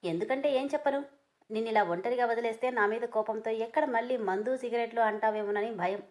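A woman reading a cheeky young man who won't back off, high playful voice, storybook. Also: a little fast, a little mellow, natural voice. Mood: teasing. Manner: playful, pushy banter. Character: young man, teasing persistent lover.

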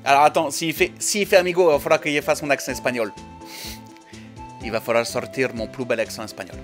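A man giving lively, chatty let's play commentary while reading a video game. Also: mid-range voice, a little fast. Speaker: gamer. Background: game music.

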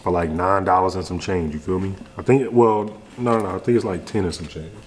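Sitting low in pitch and moving at a brisk clip, a young American man's voice carries a casual, slang-heavy food review delivered to camera as he eats. He's indoors in his home kitchen, with slight background noise.

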